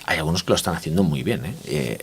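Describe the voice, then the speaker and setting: Guesting on an interview, this Barcelona man with a Spain Spanish accent talks through his views on the consumer market, reflective and frequently seeking agreement. He sounds very deep and animated, speaking quickly over slight background noise.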